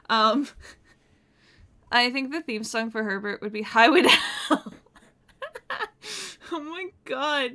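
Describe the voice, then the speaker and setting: A woman's voice: medium pitch, sharp tone. A woman from the United States chatting casually and profanely on a game stream, laughing often. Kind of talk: casual live-stream chat.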